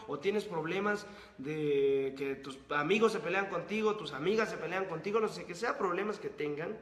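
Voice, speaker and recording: A man's voice: high-pitched, a bit bright. A man hosting his channel, delivering a motivational monologue full of repeated rhetorical questions and lists. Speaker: host of a book-summary channel. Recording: roomy echo with long reverb.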